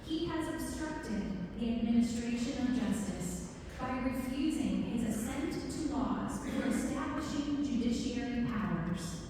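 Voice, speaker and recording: A woman with a fairly high voice delivers a formal read-aloud. Long hall reverb and clear noise surround her. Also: animated, unhurried, warm tone. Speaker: reader at a public event. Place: large echoing hall at a statehouse. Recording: echoey hall from far off, noisy.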